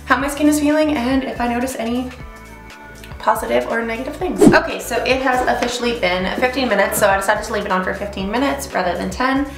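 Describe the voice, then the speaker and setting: A woman's voice: on the high side, fast, gravelly, echoey room, music in the background. A woman vlogger reviewing skincare in a casual, frank chatty way while wearing a sheet face mask, talking at home. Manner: chatty, frank, lots of fillers. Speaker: beauty vlogger. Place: home, indoors.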